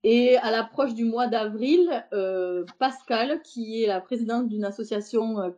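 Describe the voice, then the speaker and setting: Invitée de podcast, une femme, timbre chaud et feutré, parole hésitante avec nombreux « euh ». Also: female voice, a little high, measured pace, warm tone. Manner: hesitant, many fillers and restarts. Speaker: podcast guest, embroiderer. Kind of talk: casual interview talk.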